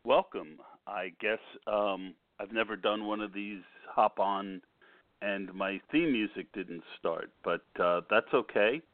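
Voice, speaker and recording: A man's voice: low voice, no echo. Under-the-weather man on a tinny phone line. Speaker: podcast host. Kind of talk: casual fantasy football commentary.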